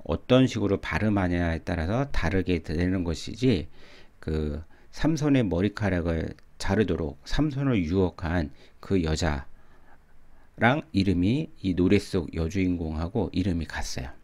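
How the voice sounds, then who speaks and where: Slow, deep-voiced man teaching English pronunciation. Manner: models English words slowly and repeats them; calm explanatory. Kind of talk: explaining song lyrics and pronunciation.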